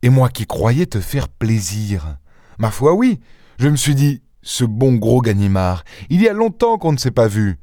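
A man reading an audiobook, voicing a playful, mocking gentleman thief who speaks with mock affection. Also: mid-range voice, big pitch swings, a little slow, dry recording, clean studio sound. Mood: teasing. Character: charming teasing gentleman thief, young man. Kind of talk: audiobook character voice.

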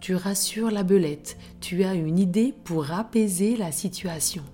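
A woman narrating a bedtime story for children in a soft, hushed manner, often dropping into a whisper. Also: lowish voice, a little slow, faint music behind.

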